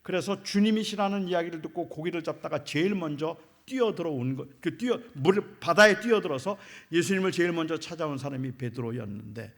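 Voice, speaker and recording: A man, a pastor, preaching a sermon in a church, swinging between loud emphasis and hushed near-whispers and asking the congregation rhetorical questions. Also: fairly high pitch, expressive, fairly quick, gravelly, few pauses.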